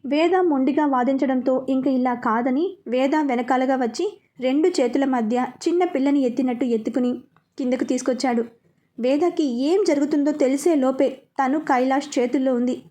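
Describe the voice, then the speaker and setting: A woman narrating a romantic story in an even, unhurried way. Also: high-pitched.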